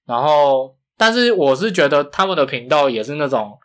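A man with a marked Taiwanese Mandarin accent and flat, non-retroflex consonants, chatting casually as a podcast co-host. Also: a little high, normal speed. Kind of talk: casual chat.

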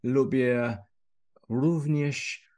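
A man with a mid-pitched voice and as his language. He talks casually, as a podcast host who is also learning a language. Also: fairly even intonation, drawn-out words, a little mellow. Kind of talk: casual chat.

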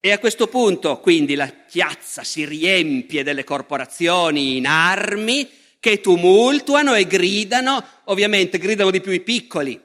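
A man giving a public history lecture in an animated, conversational way, speaking straight to his audience. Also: high voice, unhurried. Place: large festival lecture hall. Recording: long hall reverb.

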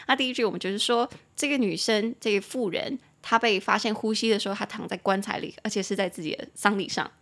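A young Taiwanese woman hosting a casual English lesson podcast, chatty and laughing often, slowing down to repeat and spell English words. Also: medium pitch, a bit bright. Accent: Taiwanese Mandarin. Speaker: English teacher and podcast host.

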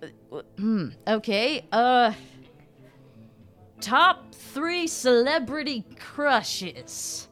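Teasing female tabletop player, animated, light music behind. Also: fairly high pitch. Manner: quick, teasing, laughing. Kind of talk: tabletop role-play banter.

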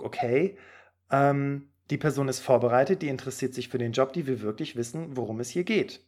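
A career coach hosts a podcast, offering job-interview advice in a lively, direct manner sprinkled with fillers. His voice sits at a medium pitch.

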